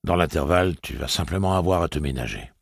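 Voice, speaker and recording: A man's voice: very deep voice, expressive, quick pace, vocal fry, breathy edge, dry recording, clean studio sound, exaggerated voice. A man voicing an earnest young man in an audiobook, who argues his point patiently and insistently. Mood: explaining. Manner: earnest, pressing, argumentative. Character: young man, persistent, reasoning. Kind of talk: audiobook character voice.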